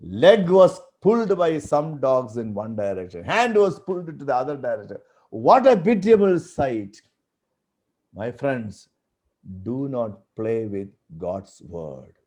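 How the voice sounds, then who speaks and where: A man preaching a sermon at a church youth meeting, swinging from loud exclaiming to low, hushed appeals. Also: big pitch swings, takes it slowly. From India. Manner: acts out biblical voices in quotes.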